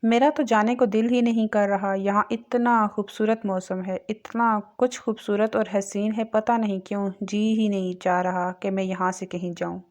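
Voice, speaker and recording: A woman reading the lines of a gentle, teasing young husband in an audio novel, speaking softly. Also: mid-range voice, flat delivery, hardly any pauses, natural voice. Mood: tender. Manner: soft, gentle questioning.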